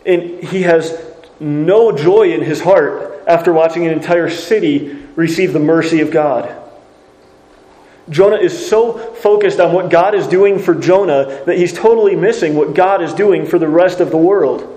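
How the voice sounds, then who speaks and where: A man's voice: a little high, unhurried, mellow, roomy sound, rough recording. A man preaching a sermon, reading scripture and asking earnest rhetorical questions.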